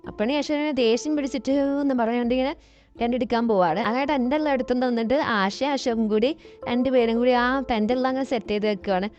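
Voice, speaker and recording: A woman recaps a serial episode in a lively, chatty storytelling style, racing along at a fast pace. Her voice sits a little high, and the sound is dull and lo-fi with faint music underneath.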